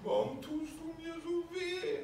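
A man's voice: extremely high pitch, animated, measured pace, a little mellow, a little hiss or hum, pitched above the performer's own voice, full character voice. A man putting on a wounded, whining inner child. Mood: hurt whining. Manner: plaintive, wounded pleading. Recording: very echoey room from far off.

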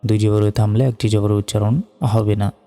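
A man teaching Quran reading, spelling out Arabic words letter by letter in a slow, measured way and chanting the verses. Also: on the low side, level tone, warm tone, big-room sound.

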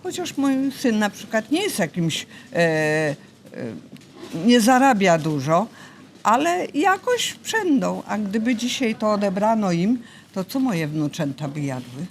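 A woman's voice: mid-range voice, sing-song, a little slow, slight background noise. An old woman in her seventies speaking in a casual interview, polite but insistent, with a folksy manner. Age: 70s. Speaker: interviewee, retired grandmother.

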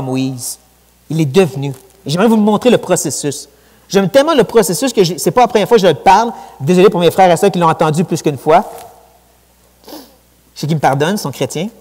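A man with a Quebec French accent preaching a sermon in a church, lively and conversational, with colloquial asides. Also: high voice. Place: church sanctuary. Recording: long church hall reverb.

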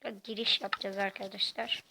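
A woman giving casual, quiet gameplay commentary in a soft, halting way. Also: mid-range voice, flat delivery, vocal fry, heavy background noise. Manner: talks quietly and softly; halting, hesitant delivery. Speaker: gaming channel host.

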